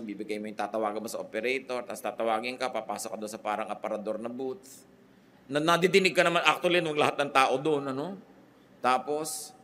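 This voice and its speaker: A man's voice: mid-range voice, fairly bright tone, slight background noise. An older man with a Filipino accent, a pastor delivering a sermon, switching freely between Tagalog and English and asking his listeners rhetorical questions. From Philippines.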